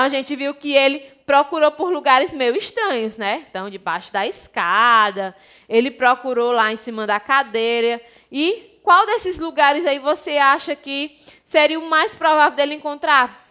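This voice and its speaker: A woman teacher with a Brazilian Portuguese accent, giving an online lesson to young children and explaining slowly and affectionately. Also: sits high, sharp tone. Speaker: primary school teacher.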